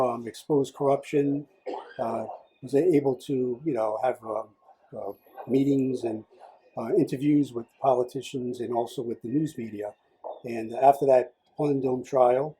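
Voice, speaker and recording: Rambling older man with a dark, husky voice. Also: mid-range voice, poor audio. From Rhode Island. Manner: rambling, many fillers and restarts. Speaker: political candidate guest. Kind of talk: casual interview.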